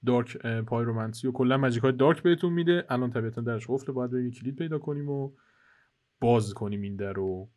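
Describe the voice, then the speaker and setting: A man's voice: medium pitch, a little mellow. A young man casually commentating co-op gameplay for his channel, joking and teasing his teammate while guiding viewers. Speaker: gaming channel host. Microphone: headset.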